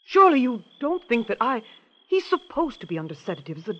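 An actress playing a nervous young nurse, stammering and evasive, in 1940s radio style. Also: female voice, a little high, sing-song, a little fast. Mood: flustered. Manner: flustered, stammering, breathy. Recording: muffled old radio broadcast.

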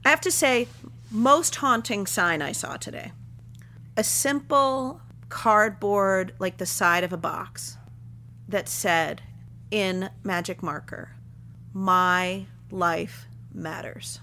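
A woman co-hosting a religious podcast as ordained clergy, talking in a chatty, expressive way with jokey asides. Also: medium pitch, takes it slowly, slight background noise. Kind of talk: casual religious podcast chat.

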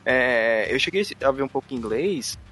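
A man on a podcast, explaining points with halting restarts. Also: medium pitch, animated, bright, forceful tone, faint music behind. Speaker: podcast co-host. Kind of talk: casual chat about a series.

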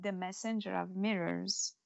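With vocal fry, fairly even intonation, and a mid-range voice, this author speaks a little slowly about her faith and stories. She is a non-native English speaker being interviewed, earnest but prone to restarts and fillers.

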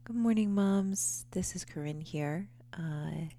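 Hushed, gravelly-voiced woman podcast host. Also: lowish voice, slow, faint music behind. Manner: hushed, half-whispered talk with many ums. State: groggy early-morning voice. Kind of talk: casual podcast monologue. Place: quiet home before dawn.

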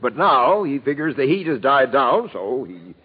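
Logan, husky police captain. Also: male voice, mid-range voice, sing-song, normal speed. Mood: arguing, knowing. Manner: argumentative, slangy. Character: shrewd, slangy police captain. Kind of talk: 1940s radio drama acting. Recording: tinny, narrow-band 1940s radio recording.

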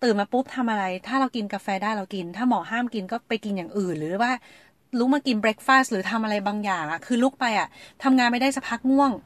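A woman's voice: a little high, no room sound. A woman chatting casually and frankly as a podcast host, swearing freely and acting out what others said. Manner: fast and chatty. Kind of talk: casual chat.

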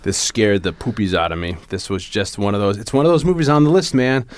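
A man's voice: fairly low pitch, fast. A man co-hosting a movie podcast in loose, casual chat. He rambles, cracks jokes and laughs often, sounding a bit wired from coffee. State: jittery from coffee. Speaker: podcast co-host.

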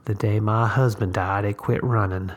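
A man's voice: on the low side, steady tone, moderate pace, close to an everyday voice. A man voicing a shrewd, toothless old country woman who gives blunt, clipped replies in a story reading. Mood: flat. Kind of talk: audiobook reading.

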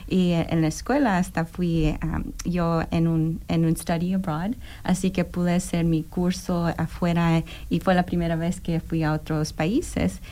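Earnest woman guest, low voice. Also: little pitch movement, mellow. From New York, United States. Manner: earnest and measured, with frequent hesitations and fillers. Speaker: guest, disaster program manager. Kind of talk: interview conversation.

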